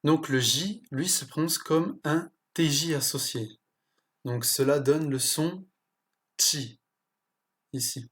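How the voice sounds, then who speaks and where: A teacher slowly explaining pronunciation, pausing often and correcting small slips along the way. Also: medium pitch. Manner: slow, careful explanation with pauses and self-corrections. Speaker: language teacher.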